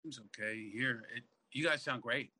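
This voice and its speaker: A man talking as a guest in an interview over a video call, his audio glitching and breaking in and out, with relaxed, easygoing replies. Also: mid-range voice, moderate pace, husky, dry recording. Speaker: guest drummer.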